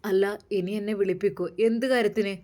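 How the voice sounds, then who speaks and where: A woman voicing a calm young male religious scholar in a storytelling video, speaking low and softly. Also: fast talker, lightly acted. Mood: explaining.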